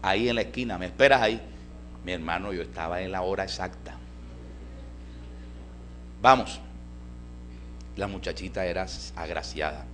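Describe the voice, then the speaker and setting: A male pastor tells a story from the pulpit of a church in a bright, clear voice. He is folksy and animated, calling listeners brother, with a faint hum behind him. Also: sits low, normal speed, long pauses. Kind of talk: storytelling sermon.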